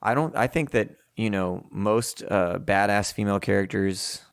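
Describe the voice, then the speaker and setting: Gravelly low-voiced man chatting casually. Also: normal speed, no room sound, studio quality. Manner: rambling, restarts and swears, laughs often. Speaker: podcast co-host. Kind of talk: casual podcast chat.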